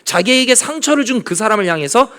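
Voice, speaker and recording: A man's voice: extremely high pitch, expressive, quick pace, bright, forceful tone. A male pastor preaching a sermon at a midweek prayer meeting in a church, acting out quoted speech in different voices. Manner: drops to a whisper to show silent prayer. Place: church sanctuary.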